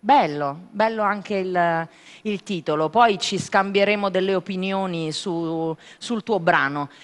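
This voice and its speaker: A woman hosting a music show on television, effusive and quick to laugh, breaking off her sentences as she chats and presents in the studio. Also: fairly low pitch, big-room sound. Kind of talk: casual studio chat and presenting.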